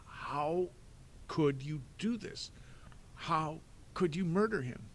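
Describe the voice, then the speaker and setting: A man's voice: fairly high pitch, expressive, takes it slowly, voice pushed up. A man voicing a frightened but defiant clever boy who speaks in an urgent, strained way.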